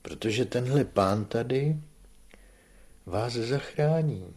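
A man's voice: medium pitch, lively intonation, a little mellow, breathy edge, voice pushed up. A man voicing an apologetic, eager village man in a read story.

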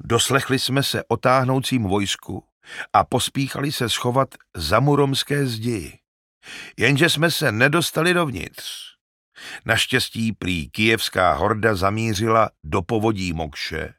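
A man voicing a talkative, excitable old male shepherd in an audiobook, loud and emphatic. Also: lowish voice, no echo, clean studio sound, pitched above the performer's own voice. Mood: eager. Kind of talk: audiobook character reading.

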